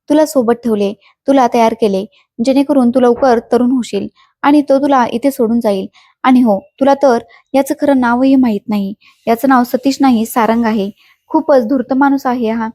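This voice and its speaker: A scheming older madam, mocking and domineering, as a woman storyteller puts her on. The voice sits fairly high yet sounds mellow and soft-edged. It is close and dry, with no room sound. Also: normal speed, dry recording, lightly acted.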